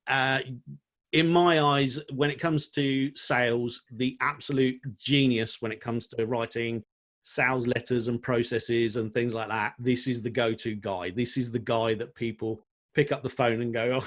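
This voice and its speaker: Bloke hosting a podcast, upbeat intros, lots of friendly banter, plain middle voice. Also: male voice, medium pitch, fairly even intonation, a little slow. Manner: enthusiastic, banter-filled introductions. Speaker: podcast host. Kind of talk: casual podcast interview.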